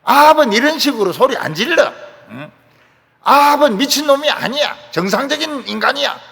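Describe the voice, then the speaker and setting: A man preacher voicing an agitated male enemy commander who barks in excitement. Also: very high-pitched, moderate pace, gravelly, slightly rough, long reverb tail, pitched above the performer's own voice, exaggerated voice. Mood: excited shouting. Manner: loud, excited, barking.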